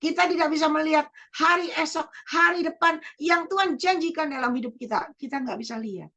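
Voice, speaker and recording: Woman evangelist, fairly high voice, repetitive emphatic preaching. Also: brisk, a bit bright. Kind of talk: sermon.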